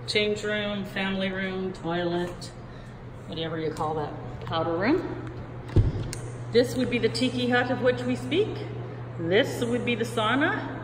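Chatty woman giving a slow house tour. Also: mid-range voice, noisy background. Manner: chatty, pointing things out while walking. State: a little out of breath. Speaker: real estate agent. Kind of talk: walking house tour narration. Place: large house indoors.

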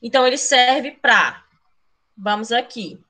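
A woman teaching Spanish in an online class, with a bright, clear voice set somewhat high. She calls herself "a tia" and explains in a chatty, teacherly way. She speaks into a computer mic on a video call. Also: a little slow. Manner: speeds up when excited about grammar.

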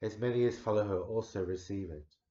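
A man in his forties giving a dramatic poetry recital, measured, swelling loud and sinking to a near hush. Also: fairly low pitch. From Australia. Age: 40s. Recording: roomy echo, dull lo-fi sound.

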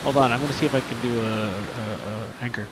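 A man playing along in a casual gaming stream, excitable and quick to blurt things out. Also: mid-range voice. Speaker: co-player guest. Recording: noisy stream mix.

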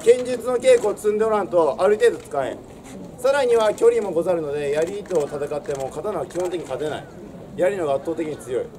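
A young adult man, voice on the high side yet dark in tone, speaks animatedly and briskly in old samurai speech. He gives a theatrical history lesson outside a castle stone wall, projecting like a swaggering, declamatory storyteller. He is far from the mic, and crowd, birds and traffic can be heard.

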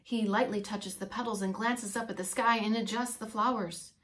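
A woman of around forty, a preschool teacher, reads a picture book aloud to young children with plenty of expression, pausing to explain words and things to them. Her voice is mid-range and her pace moderate. The setting is a small indoor room with a bookshelf and a whiteboard.

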